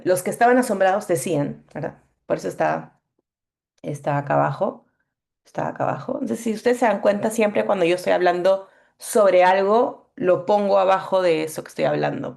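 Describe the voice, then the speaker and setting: A woman's voice: lowish voice, gravelly, a little mellow. A young woman teaching a Bible meditation workshop, explaining patiently with fillers and frequent checks that the class is following.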